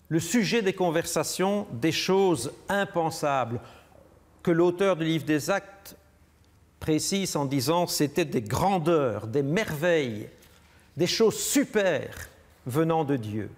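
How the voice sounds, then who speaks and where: A man preaching a measured, reflective sermon in a church. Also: a little high, lively intonation. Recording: long church reverb.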